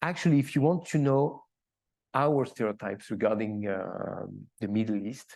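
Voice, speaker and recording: A man's voice: lowish voice, lively intonation, normal speed, vocal fry, a little mellow. A man, an artist, speaking earnestly at a panel talk with non-native phrasing and restarts. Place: gallery event room.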